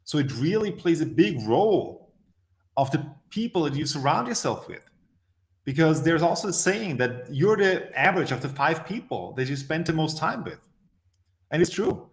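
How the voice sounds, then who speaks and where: Man, fairly high voice, emphatic, measured storytelling, interview guest. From Austria. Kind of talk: interview answers.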